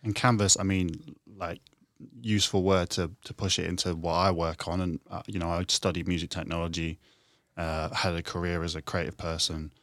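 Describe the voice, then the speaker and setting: A man from Lincolnshire with a very low voice leads the conversation, thinking aloud and checking in with tag questions. His voice sits dry and close to the mic. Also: little pitch movement, normal speed, fairly bright tone, no echo. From Lincolnshire, England. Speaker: podcast host. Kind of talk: conversational interview.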